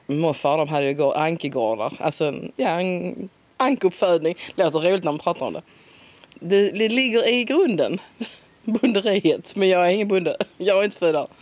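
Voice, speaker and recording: A woman with a broad Scanian accent chatting in a relaxed interview, talkative and quick to laugh. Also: lowish voice, no room sound. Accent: broad Scanian Swedish. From Skåne, southern Sweden. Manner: chatty, laughs often, lively. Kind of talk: casual conversational interview.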